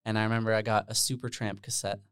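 A Netherlands-born man talks in a loose, easygoing way, full of ums and trailing tangents. His voice sits low and sounds smooth and clear. The recording is close and dry. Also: fast talker, dry recording. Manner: relaxed, rambling with many fillers. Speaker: podcast guest, musician. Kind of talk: casual interview chat.

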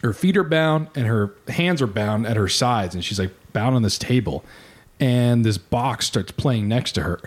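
Animated man retelling a case. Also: medium pitch, moderate pace. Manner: animated storytelling with swearing and laughs. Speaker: podcast host. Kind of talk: casual true-crime chat.

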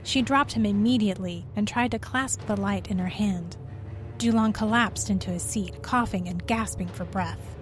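A woman narrating a scripted story in a steady, even reading voice. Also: medium pitch, normal speed, music in the background.

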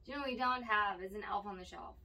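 A woman's voice: medium pitch, very fast, bright, forceful tone, distant mic, slight background noise, rough recording. A woman co-hosting a casual podcast, playful and laughing, swearing casually, with an occasional cough. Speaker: podcast co-host. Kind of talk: casual chat.

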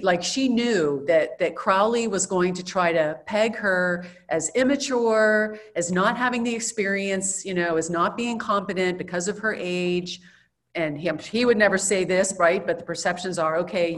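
A woman professor speaking as a podcast guest, earnest and encouraging, sometimes slow and deliberate. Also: medium pitch. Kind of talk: podcast interview.

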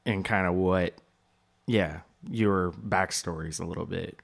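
A man hosting a casual interview, speaking in halting, hesitant phrases. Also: low-pitched, vocal fry. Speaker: podcast host.

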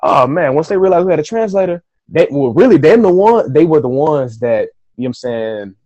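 A man's voice: a little high, big pitch swings, a little fast, a little mellow, no echo, poor audio. A man, an author and interview guest, telling a story casually with loose, profane talk and acted-out quotes of his own thoughts.

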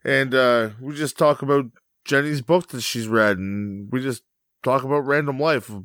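A man's voice: mid-range voice, moderate pace, fairly bright tone, dry recording, clean studio sound. A young man co-hosting a podcast in casual, crude, joking chat, swearing freely. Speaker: podcast co-host.

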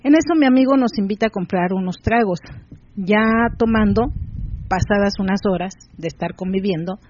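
A podcast host reading an erotic story aloud in steady first-person narration. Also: mid-range voice, moderate pace. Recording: dull dry lo-fi recording.

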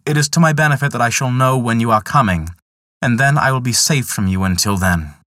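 A man's voice: medium pitch, fairly quick, a bit bright, dry recording, studio quality, lightly acted. A man voicing a young man in a spoken folk tale, talking in an earnest, pleading way. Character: young man, carefree then indignant.

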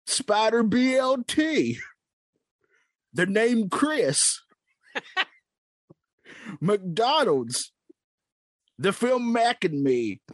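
A man voicing a boastful, cantankerous old male prospector in an improvised comedy bit, drawling slowly and self-importantly, clearing his throat between lines. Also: sits high, no room sound, heavily acted.

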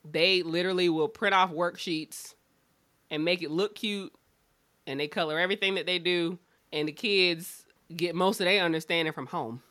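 A woman's voice: on the low side, steady tone, moderate pace, a bit bright, dry recording. A woman with a Southern US accent and drawl, talking bluntly and emphatically and swearing freely in a candid podcast chat. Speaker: schoolteacher.

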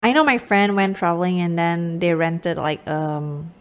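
A woman's voice: fairly low pitch, measured pace, a little hiss or hum. A woman co-hosting a podcast in casual chat, laughing often. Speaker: podcast co-host.

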